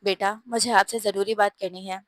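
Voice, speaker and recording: A woman voicing a caring middle-aged mother figure in a storybook who speaks in a gentle, coaxing way. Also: medium pitch, steady tone, normal speed, no echo, lightly acted. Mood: concerned.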